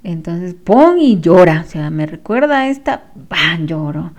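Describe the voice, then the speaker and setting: A woman's voice: fairly low pitch, big pitch swings, unhurried, a little mellow. A woman, a spiritual healing therapist, giving casual advice to viewers and repeating phrases for emphasis.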